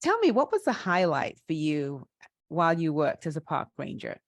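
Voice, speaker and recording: A woman's voice: low-pitched, wildly swooping pitch, normal speed, dry recording, clean studio sound. A woman hosting a conversational interview, encouraging and affirming as she listens and asks questions. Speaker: interviewer, host.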